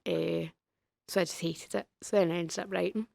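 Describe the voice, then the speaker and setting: Gravelly, hesitant woman guest. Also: lowish voice, fairly even intonation, normal speed, darkish tone. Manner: modest, hesitant, with fillers. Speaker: guest playwright. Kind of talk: casual interview answers.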